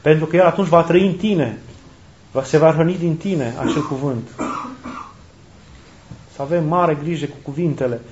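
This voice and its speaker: A man's voice: fairly high pitch, pauses often, noisy background. A man, a priest, preaching an earnest sermon, repeating key phrases for emphasis. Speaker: Orthodox priest. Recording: roomy, dull lo-fi recording.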